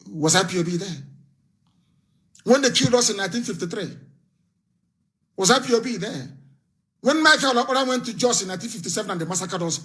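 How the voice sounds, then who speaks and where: A man's voice: sits high, a bit bright. A man giving a fiery, scornful political broadcast, full of repetition. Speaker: political activist leader.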